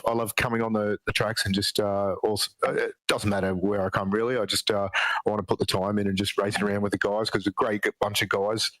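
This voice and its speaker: A man from Australia, a racing driver, talking in a relaxed, rambling way with many fillers after the race. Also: on the low side, dry recording, poor audio. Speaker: race driver, second place. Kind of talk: post-race interview.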